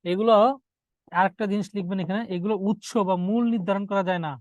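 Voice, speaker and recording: A man teaching an exam-prep grammar lecture, asking his students questions and answering them, and slowing down to dictate key words. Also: high-pitched, fairly even intonation, darkish tone, no room sound, dull audio.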